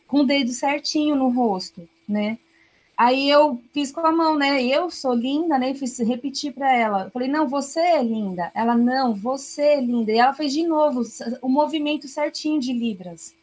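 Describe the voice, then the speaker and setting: A woman missionary telling a lively testimony, acting out the voices in her story. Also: high voice, poor audio. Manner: animated, acts out her own lines. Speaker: missionary guest.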